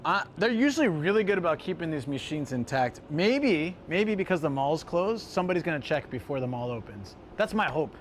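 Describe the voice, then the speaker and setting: A man hosting a casual live stream, chatting to viewers in an animated, exclamatory way and repeating phrases for emphasis. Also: a little high, brisk, hardly any pauses, a little hiss or hum. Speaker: livestream host. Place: outdoors by street vending machines in a city.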